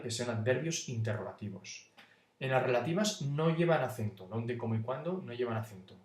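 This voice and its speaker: A man's voice: medium pitch, distant mic. A man giving an informal exam-prep lesson, stopping to check in with his students at almost every step. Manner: informal, checks in with "¿vale?" constantly. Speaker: teacher. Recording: echoey room, voice off-mic.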